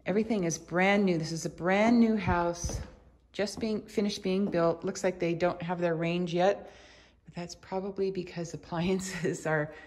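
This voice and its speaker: With a lowish, darkish voice and fairly even intonation, a woman narrates an unhurried, unscripted house tour as a real estate agent, chatting and thinking aloud through the rooms. The speaker holds the handheld camera or phone, and the walkthrough audio is clearly noisy.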